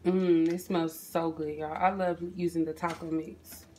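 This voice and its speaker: Here the cooking vlogger's voice is deep, warm and unhurried, with little pitch movement, and a bit of hiss or hum is audible. She narrates a recipe casually from her home kitchen via a phone camera at the stove, full of "um" and addressing "you guys" and "y'all".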